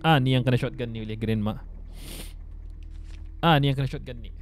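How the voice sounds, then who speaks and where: A man's voice: mid-range voice, fast, a little hiss or hum. A young man with a Bruneian Malay accent, giving casual, scared live commentary on a horror game and repeating himself. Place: small indoor room with webcam.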